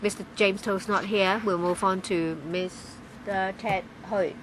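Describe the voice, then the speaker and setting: A woman giving live interpretation of a legislative debate, halting, with frequent pauses and restarts. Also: mid-range voice, fairly even intonation, background noise. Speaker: simultaneous interpreter.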